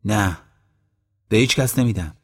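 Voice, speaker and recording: A man's voice: fairly low pitch, expressive. A man voicing a stubborn, kindhearted young man in a storybook reading. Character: stubborn kindhearted young man who keeps an old dog.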